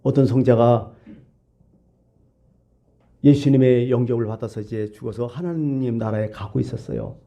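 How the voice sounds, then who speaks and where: A man's voice: mid-range voice, normal speed, gravelly, long pauses, dark tone, muffled recording. A male pastor preaching a sermon, telling a parable and asking rhetorical questions.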